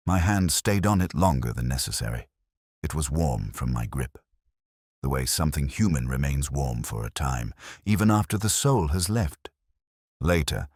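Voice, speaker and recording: In short, literary phrases, a man narrates a detective story in the first person with an extremely low, husky voice, sounding like a weary, introspective investigator, brooding and measured. His pitch moves expressively. The recording is dry and close, with no room sound.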